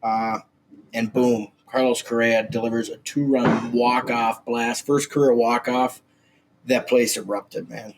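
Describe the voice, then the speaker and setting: Co-hosting a laid-back sports podcast, this twentysomething from Minnesota speaks at medium pitch, a little slowly and without much pitch movement. His voice is slightly scratchy, and he talks brashly, full of fillers and swearing.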